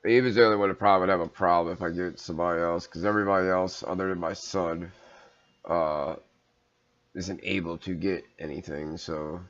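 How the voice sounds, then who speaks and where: A man's voice: sits low, steady tone, fairly quick, a bit bright, highs cut off. A man hosting a strategy game video, talking casually and rambling with many fillers and hesitations. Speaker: gaming video host. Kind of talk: casual let's-play commentary.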